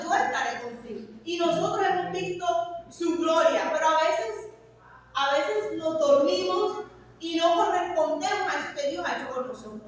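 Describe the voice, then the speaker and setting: A woman pastor with a high voice preaches with fervor, mixing emphatic scripture with chatty asides to the people in front of her. Her voice rings through a big, echoing church hall, and the mic sits some way off, with a faint hiss underneath. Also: fairly bright tone, far from the mic. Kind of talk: sermon.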